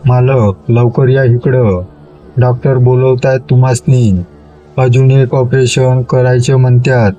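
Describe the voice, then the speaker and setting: A man's voice: medium pitch, level tone, takes it slowly, warm tone, lightly acted. A man voicing a desperate village father who pleads tearfully for his son's life in a spoken horror story. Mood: urgent. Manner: pleading, tearful, rural speech.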